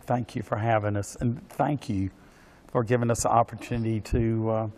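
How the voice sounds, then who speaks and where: A man, giving courteous, formal interview answers haltingly, with many pauses and repeated words. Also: on the low side, flat delivery, a little mellow. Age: 60s. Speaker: interview guest, pageant organization official. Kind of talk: polite spoken interview answers.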